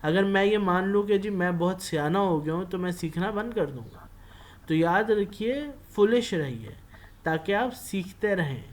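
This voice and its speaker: A man with a Pakistani accent giving a university classroom lecture, mixing in English phrases and pausing often on fillers. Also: high-pitched, expressive. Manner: mixes Urdu with English phrases, many filler pauses.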